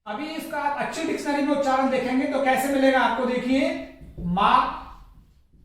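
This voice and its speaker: High-voiced man teaching slowly in an echoey room. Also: steady tone. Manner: spells words letter by letter and repeats them as a drill; corrective, contrasts wrong and right forms. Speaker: English pronunciation teacher. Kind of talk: explanatory pronunciation lesson. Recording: very echoey room, distant mic.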